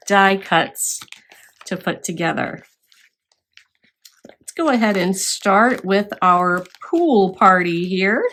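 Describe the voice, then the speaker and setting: A woman's voice: mid-range voice, a bit bright. A woman instructor demonstrating scrapbook crafting step by step, explaining as she works with occasional fillers.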